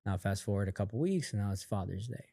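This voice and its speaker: A man with a low, mellow voice tells a family story in loose, conversational podcast talk. He acts out other people's lines as he goes and leans on fillers. The sound is close and dry, with no room ring. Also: lively intonation, quick pace, no echo. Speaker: podcast guest, company founder. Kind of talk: casual storytelling in an interview.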